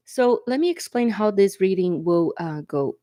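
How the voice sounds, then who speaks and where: Seated at a table indoors, a woman whose native language is Portuguese reads tarot to camera casually, chatting, reassuring, and checking "okay?" while congested and coughing from a cold or allergies. Her warm, animated, mid-range voice moves at a moderate pace, captured cleanly in studio with no echo.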